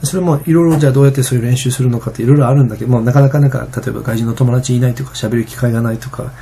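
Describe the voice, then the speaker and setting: Fast, gravelly, husky-voiced man. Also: medium pitch, fairly even intonation, mellow, slight background noise. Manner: rambling, many fillers and restarts. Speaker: vlogger. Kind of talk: casual vlog monologue.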